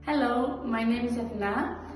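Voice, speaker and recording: Greek-accented young woman, student, earnest, slightly high voice, distant in a reverberant hall with music. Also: normal speed. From Greece. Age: 20s. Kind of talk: prepared personal statement. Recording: echoey hall, far from mic. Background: background music.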